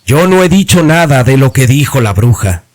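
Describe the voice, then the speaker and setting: A man's voice: mid-range voice, animated, moderate pace, a little mellow, natural voice. A man voicing a grave, weary village priest.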